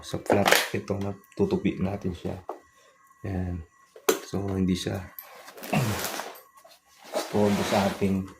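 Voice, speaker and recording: A man calmly walks through a product review in a polite, explanatory way. His voice sits very low and stays level, with little rise or fall. A faint hiss sits under the recording. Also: gravelly. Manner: polite, plain step-by-step explaining.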